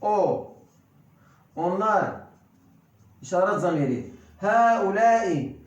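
Turkish-accented male language teacher, high voice, slow drill-style repetition, heavy room echo. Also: animated, highs cut off. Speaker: Arabic teacher. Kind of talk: recorded classroom lesson. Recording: very echoey room.

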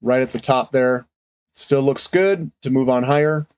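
A man's voice: mid-range voice, normal speed, a little mellow, clean tone, no echo. A man, congested from a cold, giving casual, rambling market commentary as the host of a finance channel. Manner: loose, rambling, with frequent fillers.

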